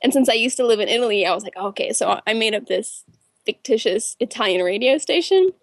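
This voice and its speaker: A woman's voice: a little high, expressive, a little fast, no room sound. A young woman, a film director, answering interview questions in a chatty storytelling way with many fillers.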